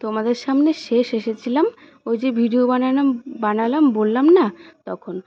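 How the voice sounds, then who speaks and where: A young woman with a fairly high voice talks viewers through her cooking and chores in an easy, chatty way. She speaks from her home kitchen, and the recording sounds a little dull and lo-fi. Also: moderate pace, dry recording. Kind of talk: casual chat to viewers.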